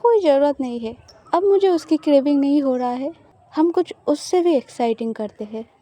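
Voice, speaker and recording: A playful, possessive young woman who coaxes and teases her girlfriend, as a woman reads her part. The voice is high and mellow, in an easy, coaxing audio love story delivery. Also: lively intonation, normal speed, no room sound. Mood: teasing.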